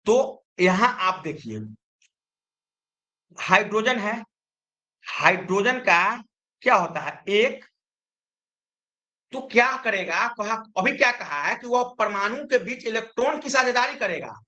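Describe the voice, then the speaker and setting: A man's voice: high voice, lively intonation, takes it slowly, pauses often, bright, forceful tone. A man teaching a chemistry lesson, who keeps asking his students questions and answering them himself. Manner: explains with repeated questions to students.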